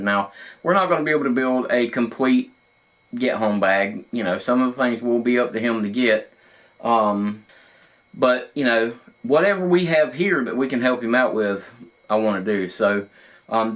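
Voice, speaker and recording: A man's voice: mid-range voice, a bit bright. A man hosting a video, speaking casually to the camera in an informal, folksy way, recorded in an echoey untreated room. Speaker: host of a prepping video channel. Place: indoor studio not set up for recording.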